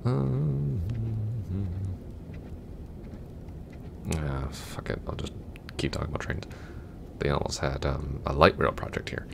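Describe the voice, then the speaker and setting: A young man with a very deep, gravelly voice plays a chatty, goofy, affectionate long-distance boyfriend in a roleplay audio, heavily acted and very animated. He talks casually at normal speed, rambling and hesitant, sounding bashful, with noise in the background.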